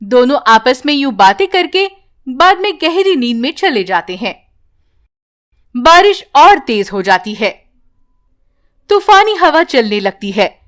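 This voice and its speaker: Slow high-voiced woman storyteller. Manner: slow, even, storybook narration. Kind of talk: scripted bedtime story narration.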